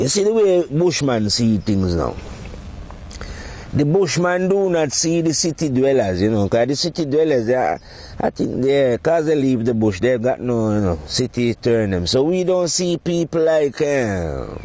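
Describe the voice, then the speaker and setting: A man talking in a casual, rambling monologue, provocative and quick to laugh at his own points. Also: medium pitch, a little mellow. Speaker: podcast host.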